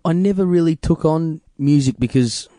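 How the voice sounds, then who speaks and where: An Australian man talking casually as an interview guest, informal and a little halting. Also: on the high side, dark tone, no echo, studio quality. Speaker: interview guest, working musician and teacher. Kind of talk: casual chat.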